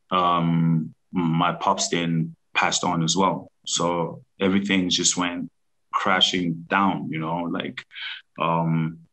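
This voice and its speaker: A man in his thirties from Zimbabwe, a business founder telling his story over a video call in a halting, restarting way. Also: low-pitched, pushed and bright, rough recording. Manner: halting, many restarts and fillers. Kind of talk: casual interview storytelling. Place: room at home, indoors.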